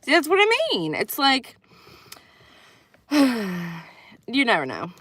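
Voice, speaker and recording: A woman's voice: on the high side, big pitch swings, slow pace, fairly bright tone, breathy edge, no echo. A woman hosting a casual livestream commentary, rambling with lots of fillers and restarts, blunt and sometimes swearing. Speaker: channel host.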